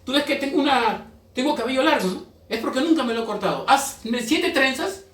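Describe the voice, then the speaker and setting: A man's voice: very high voice, animated, brisk, a bit bright, pitched above the performer's own voice. A preacher voicing Samson, a strong young man, with a raised, emphatic delivery in an echoey room. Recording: echoey room, mic far off.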